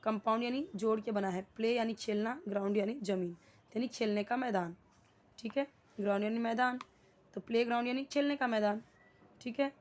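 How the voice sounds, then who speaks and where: A young woman with an Indian English accent, teaching an English grammar lesson. She explains slowly, asks the class questions and repeats key words. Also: on the high side.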